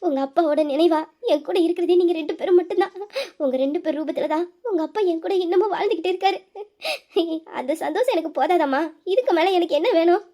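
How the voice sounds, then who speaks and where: A devoted widowed mother in a family drama, acted by a woman. She speaks in a tender, pleading way and sounds close to tears. Her voice sits very high. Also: fast talker, dark tone. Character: widowed mother, middle-aged, devoted and self-sacrificing. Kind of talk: emotional family drama acting.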